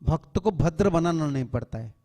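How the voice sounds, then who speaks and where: A man's voice: on the high side, expressive, normal speed, mellow. A man, a swami, giving an earnest temple lecture to devotees, admonishing them and mixing English words into his speech. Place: temple hall. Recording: long hall reverb.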